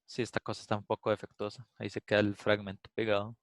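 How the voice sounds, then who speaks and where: A man's voice: fairly low pitch, completely flat delivery, fast talker, dry recording. Casual man teaching a class. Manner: casual, explanatory, thinks aloud with filler "eh". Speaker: instructor. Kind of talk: recorded class lecture with live demo.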